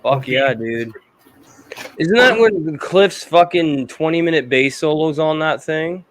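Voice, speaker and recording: A man's voice: fairly high pitch, takes it slowly, dry recording. A man in his forties chatting casually on a livestream, easygoing and profane. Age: 40s.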